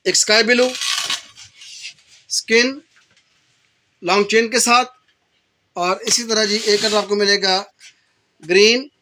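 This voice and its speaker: A male shopkeeper with a Pakistani accent, briskly listing handbag colors and prices for a shop video. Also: high-pitched, fairly even intonation, bright, forceful tone, a little hiss or hum. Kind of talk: sales pitch for a shop video. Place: indoor bag shop.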